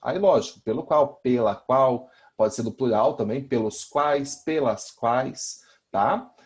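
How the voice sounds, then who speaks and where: A man's voice: mid-range voice, takes it slowly, darkish tone. A man with a Brazilian Portuguese accent teaching a recorded lesson, explaining step by step and often checking in with his students.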